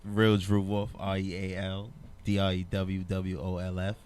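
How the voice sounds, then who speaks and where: A man guest in a radio studio talks in a low, level voice that barely rises or falls. He sounds easygoing and unhurried, with a faint hum of room noise behind him. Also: completely flat delivery, a little mellow. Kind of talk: casual interview chat.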